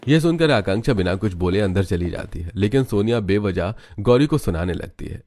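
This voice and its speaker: A man doing scripted narration of a cartoon story in an even storytelling manner. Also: lowish voice, brisk.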